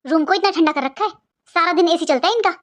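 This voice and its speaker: Casting: a woman as a taunting cartoon sister-in-law, very high and shrill, sharp-tongued. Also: fast talker. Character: scheming bossy young sister-in-law. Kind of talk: cartoon voice acting.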